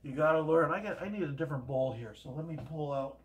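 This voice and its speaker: A fast-talking older man with a fairly high voice tells rambling homespun stories while cooking at home, as a home cooking vlogger in a casual demonstration. A camera across the kitchen records him amid heavy background noise, and the room echoes with his voice sounding far away.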